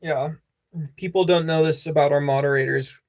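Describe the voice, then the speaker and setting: A man's voice: on the high side, steady tone, moderate pace. A man hosting a casual livestream, chatting with viewers in a joking, rambling way. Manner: joking, rambling, singing snippets. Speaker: livestream host.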